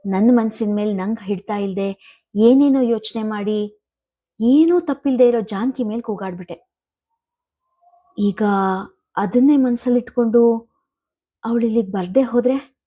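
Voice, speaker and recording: A woman's voice: fairly high pitch, measured pace, long pauses, mellow. A woman doing a regretful elderly father. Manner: inner monologue, self-reproaching.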